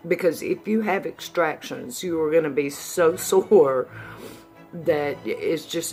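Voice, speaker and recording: A woman giving a casual, candid, folksy update to viewers, her s sounds whistling through new dentures. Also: low-pitched. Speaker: vlogger.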